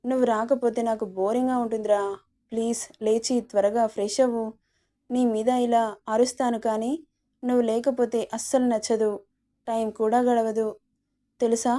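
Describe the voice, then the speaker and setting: Woman doing a scolding young wife, exasperated, pleady, mellow voice. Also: a little high, flat delivery, normal speed, close to an everyday voice.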